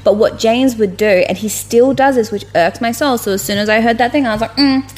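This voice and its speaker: A woman co-hosting a casual podcast chat, rambling and blunt, with plenty of swearing and animated retellings. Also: on the high side, fairly quick, faint music behind. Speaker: podcast co-host.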